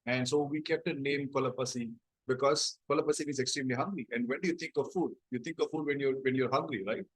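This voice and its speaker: A man's voice: mid-range voice, fast, husky, dry recording, rough recording. A man with a South Indian accent speaks as a founder being interviewed. He explains things in a conversational storytelling way, often checking in with tag questions. The sound is dry, with very little room. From Chennai, South India. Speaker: interview guest, company founder.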